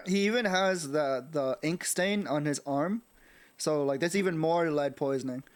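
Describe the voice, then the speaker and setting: A man co-streaming a game, throwing teasing deadpan jabs and laughing often. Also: a little high, measured pace. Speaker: streamer co-host. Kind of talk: casual let's-play chat.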